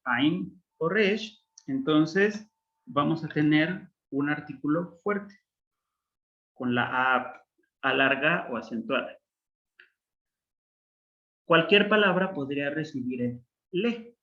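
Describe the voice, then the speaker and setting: Male Hebrew teacher with a slightly high voice, patient and slow, explaining grammar. Dull lo-fi class recording. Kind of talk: online language class.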